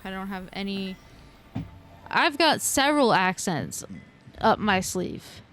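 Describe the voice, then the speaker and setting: Woman, mid-pitched voice, chatty and expressive, slangy asides, casual stream talk, faint music. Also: slow. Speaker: co-host on a game stream. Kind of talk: casual chat.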